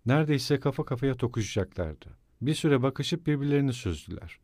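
A man narrating a classic novel in steady, even scripted narration. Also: mid-range voice, a little fast, no room sound, clean studio sound. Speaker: audiobook narrator.

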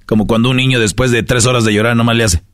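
A man's voice: medium pitch, steady tone, very fast, a bit bright, no room sound, clean studio sound. A man with a Mexican Spanish accent hosting a casual podcast, lecturing his listeners with rhetorical questions. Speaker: podcast host.

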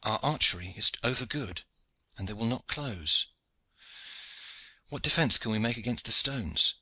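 A man's voice: mid-range voice, animated, normal speed, bright, forceful tone, husky, dry recording, full character voice, low-quality recording. A man voicing a troubled ship's master calling out urgently in battle. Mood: urgent worried. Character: worried ship's master under attack.

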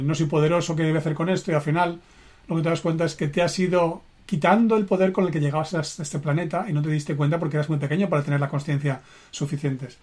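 Earnest Spanish-man, slightly high voice. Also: darkish tone. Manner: earnest, emphatic, with deliberate slow phrasing. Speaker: personal development coach. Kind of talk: motivational live stream talk.

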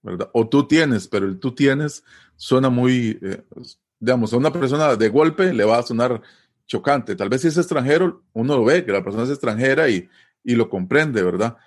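Speaking in a mid-range voice, this interview guest from Costa Rica has a Costa Rican accent and gives a casual, conversational explanation. His manner is easygoing and patient, full of pauses, fillers, and tag questions.

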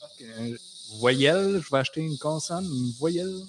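A man's voice: on the high side, lively intonation, moderate pace, background noise. A man, an easygoing radio co-host in casual chat.

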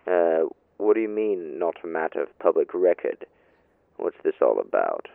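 A man's voice: low-pitched, lively intonation, moderate pace, gravelly, dry recording, phone-quality sound. An actor playing an evasive male landlord under interrogation, stammering and indignant as he protests in an amateur audio drama.

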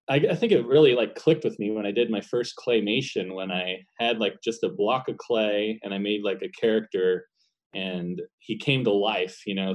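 A man with a fairly low voice talks casually about his craft as an animator. He rambles in a relaxed way, trailing into laughs often. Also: poor audio. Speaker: paper cutout animator, guest. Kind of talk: casual conversation.

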